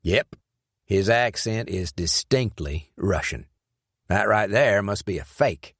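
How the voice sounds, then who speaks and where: A man voicing a gruff Southern friend with a gravelly voice and a plain, blunt drawl, in an audiobook. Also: on the low side, animated, slow pace, dry recording, clean studio sound, full character voice.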